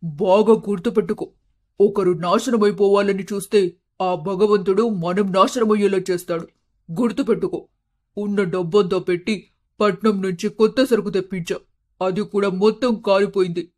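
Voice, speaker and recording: A loud, scolding middle-aged shop owner for an animated moral story. His voice sits high for a man and pushes forward with raw complaint and blame. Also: normal speed. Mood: grieving. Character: anguished middle-aged male cloth-shop owner, harsh-tongued.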